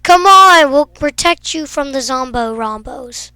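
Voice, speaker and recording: A young woman with a high, bright voice gives goofy, teasing commentary while she plays a game. She jokes with her teammates and now and then bursts into excited shouts. The sound is close and dry, with no room around it. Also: unhurried, dry recording. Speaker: gaming video creator. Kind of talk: playful gameplay commentary.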